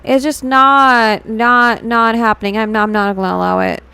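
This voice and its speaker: Hosting a casual VTuber livestream, a woman with a fairly high voice and an Indian accent chats and reacts to viewers informally, mixing Hindi into her English. She speaks at normal speed with fairly even intonation, and her tone is sharp, clear, and resonant.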